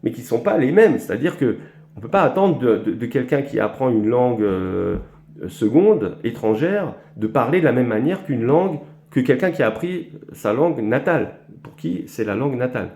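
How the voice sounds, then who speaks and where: A man from France gives an explanatory lecture in a mellow, gravelly voice that rises and falls a lot. He halts often, repeating small words and filling gaps with hesitations. The room around him is echoey. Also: medium pitch, big pitch swings. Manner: halting, many fillers and repeated words. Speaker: language teacher.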